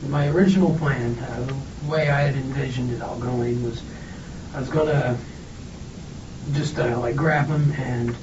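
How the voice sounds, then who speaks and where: A man's voice: mid-range voice, steady tone, measured pace. A man being questioned as a suspect, answering in a jittery, hesitant way with many false starts, on a muffled, noisy interview recording. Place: echoey interview room, far mic. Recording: muffled, noisy, echoey police room recording, distant mic.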